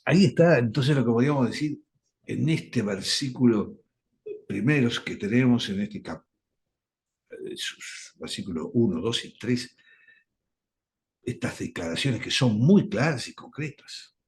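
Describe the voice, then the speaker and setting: A man teaching a radio Bible study, speaking deliberately and stressing key words. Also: mid-range voice, expressive.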